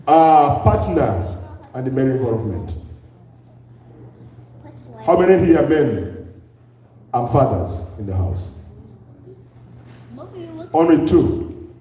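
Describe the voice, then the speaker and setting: A man with a Ugandan accent addresses an audience in a large, echoing hall, heard from well back from the microphone. His voice sits high but sounds mellow, and he presses the room with question after rhetorical question. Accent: Ugandan English. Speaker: public health speaker. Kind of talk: lecture to a live audience. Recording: echoey hall, distant mic.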